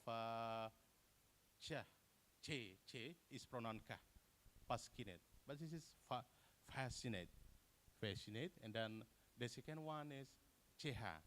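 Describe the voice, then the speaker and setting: Halting man presenting research. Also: medium pitch. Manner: halting, many fillers and restarts. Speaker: conference presenter. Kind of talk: academic conference presentation.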